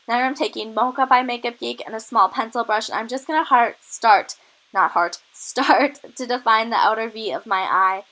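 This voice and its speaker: Despite having a cold and being slightly out of breath, a young woman talks eagerly through her makeup tutorial, offering product tips in a chatty way. Her voice is a little high and sharp, over a rough recording.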